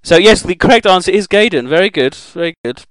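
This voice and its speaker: A man's voice: high-pitched, expressive, quick pace, fairly bright tone, no room sound, poor audio. A man hosting a casual group chat, talking informally and jokily into a close microphone. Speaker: quiz host and podcast panellist.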